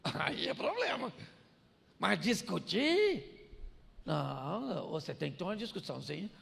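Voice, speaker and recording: An older pastor delivers a humorous sermon, joking, laughing often and acting out household dialogues. His voice sits high, with wildly swooping pitch, a creaky, slightly bright quality and normal speed. A large hall gives the recording a long reverb.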